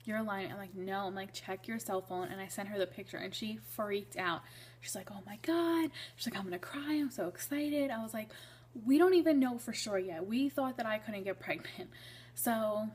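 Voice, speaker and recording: A woman's voice: medium pitch, a little hiss or hum. A young woman in her twenties telling a personal story in a casual vlog, chatty, with many ums and restarts. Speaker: vlogger.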